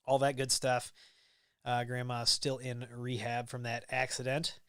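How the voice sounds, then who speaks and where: He's a Midwestern man running a laid-back live stream, working through viewer comments and wandering off on tangents with frequent ums and false starts. The delivery is completely flat and unhurried in a mid-range, slightly bright voice. The sound is clean, echo-free, and studio-grade.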